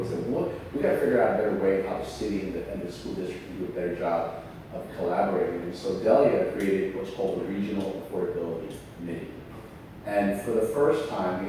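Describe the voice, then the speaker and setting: A man from Austin, Texas, a school board trustee, speaking earnestly to a public forum with many fillers and restarts. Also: low voice. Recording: echoey hall, mic far off, background noise.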